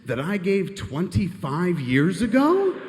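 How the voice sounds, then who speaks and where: A man's voice: sits high, wildly swooping pitch, takes it slowly, a little mellow, in a large hall, pitched above the performer's own voice, full character voice. A man voicing an intimidating middle-aged male movie star who talks with impatient, profane menace. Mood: menacing.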